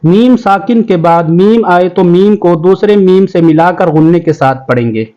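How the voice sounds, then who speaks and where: A man teaching a tajweed lesson to children, explaining quickly and then reciting words slowly and drawn out. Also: high voice, dark tone, highs cut off. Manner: addresses children as pupils. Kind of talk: tajweed lesson, spelling out and chanting Arabic words.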